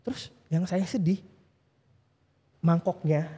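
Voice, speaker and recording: A man, a podcast guest telling stories in a relaxed, slangy, informal way. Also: high-pitched, takes it slowly, breathy edge, big-room sound. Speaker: guest, founder of a legal aid group for small businesses. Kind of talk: casual podcast conversation.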